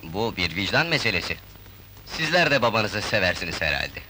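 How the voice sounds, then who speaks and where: A sly grumbling son-in-law. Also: male voice, lowish voice, sing-song, normal speed, pushed and bright, a little hiss or hum, heavily acted, low-quality recording.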